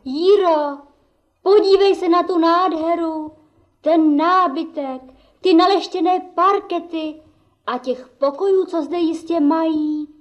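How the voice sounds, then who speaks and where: A woman's voice: extremely high pitch, lo-fi sound. A woman playing a cheeky, impish jester boy puppet with mocking, playful banter in a puppet theatre play. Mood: sly, playful.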